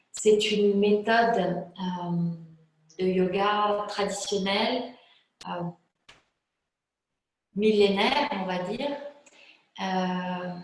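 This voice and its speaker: A woman yoga teacher calmly explaining a guided relaxation method, pausing often with hesitant fillers. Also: medium pitch, a little hiss or hum. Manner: calm, slow, hesitant with frequent fillers. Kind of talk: spoken yoga class introduction. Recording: very echoey room.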